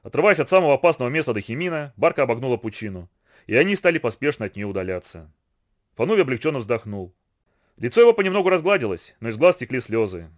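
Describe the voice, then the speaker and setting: A man narrating an adventure storybook as an animated, dramatic audiobook reading. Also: medium pitch, fast. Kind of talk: scripted narration.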